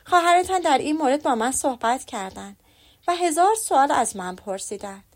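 Snooty fake-polite young lady read by a woman, sugary and condescending, high-ish voice. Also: lively intonation.

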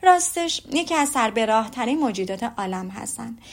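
Witty young lady from an audiobook, teasing and ironic, read by a woman, a bit high. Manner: ironic, lively questioning.

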